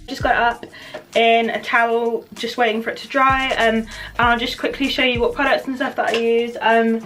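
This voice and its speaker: A woman's voice: medium pitch, fairly bright tone. A woman vlogging casually about her routine, chatty and informal with self-deprecating asides. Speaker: beauty vlogger.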